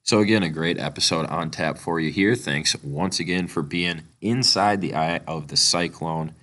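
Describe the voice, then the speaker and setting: Low bright-voiced male podcast host with a cold. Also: normal speed. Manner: a bit monotone, filler-heavy. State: chest cold. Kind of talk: sponsor read and interview.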